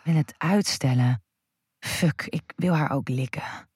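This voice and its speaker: Breathy, husky woman narrating intimately. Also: low voice, slow, no echo, studio quality. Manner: hushed, intimate, drifting into whispers. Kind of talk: first-person erotic story narration.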